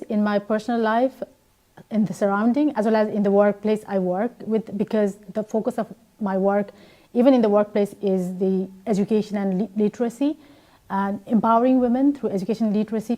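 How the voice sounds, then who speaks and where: A woman from Nepal, in her thirties, answers questions as a guest on a TV interview. Her voice is mellow and warm, and she pauses often with fillers and restarts mid-sentence. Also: mid-range voice, fairly even intonation. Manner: hesitant, many fillers and restarts.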